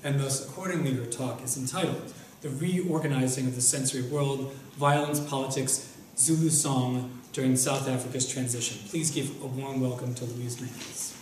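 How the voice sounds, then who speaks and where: A young man with a medium-pitched, fairly even voice reads a formal introduction of a guest speaker from notes at a lectern, measured in manner, as the event host in a lecture room. His lectern mic is captured by a far camera, so the room sounds echoey, distant and noisy.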